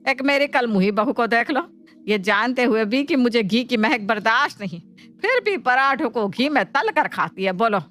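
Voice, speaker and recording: A woman plays a scheming mother-in-law in a cartoon, always dramatic and whiny. Her voice sits a little high. Faint music plays behind. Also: lively intonation, normal speed, fairly bright tone. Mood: complaining. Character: middle-aged mother-in-law, scheming and complaining. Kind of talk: cartoon voice acting.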